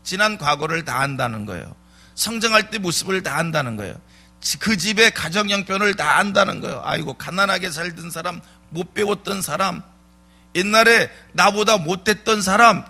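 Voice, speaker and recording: A man's voice: on the high side, sharp tone. A male pastor preaching a dawn sermon, driving points home with repeated rhetorical questions. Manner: rhetorical questions, emphatic repetition. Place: church sanctuary.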